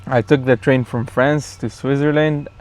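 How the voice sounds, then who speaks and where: A man chatting as a guest in a casual backyard interview, telling a story in a relaxed, rambling way with fillers. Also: mid-range voice, moderate pace.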